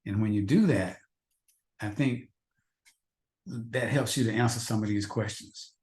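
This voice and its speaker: A man's voice: lowish voice, measured pace, darkish tone. A man teaching a faith-based marriage class, earnest and repetitive, asking the husbands in the audience rhetorical questions. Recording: echoey room.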